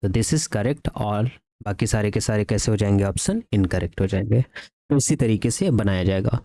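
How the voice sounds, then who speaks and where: A man giving a math lecture that mixes Hindi and English, dictating theorems slowly word by word and asking his students questions that he answers himself. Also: on the low side, animated, warm tone, no room sound.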